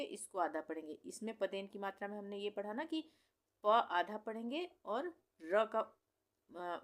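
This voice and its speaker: A woman teaching Hindi reading, saying each difficult word slowly several times and explaining how it is pronounced. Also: medium pitch. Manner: repeats each word slowly, stretching syllables; patient, explanatory questions to the learner. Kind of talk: slow instructional reading lesson.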